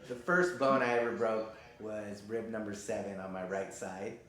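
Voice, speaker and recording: A man's voice: lowish voice, moderate pace, fairly bright tone. A man in his fifties, a pro skateboarder telling injury stories in an interview, laid-back and casual, swearing here and there. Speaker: professional skateboarder. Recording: very echoey room.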